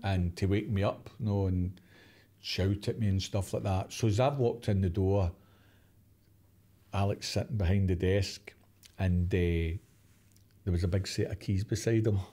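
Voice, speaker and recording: A Glaswegian man in his sixties, an interview guest and former footballer, telling stories in a casual, animated way, acting out quotes and laughing often. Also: deep voice, a little slow, long pauses. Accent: Glaswegian Scottish. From Glasgow, Scotland.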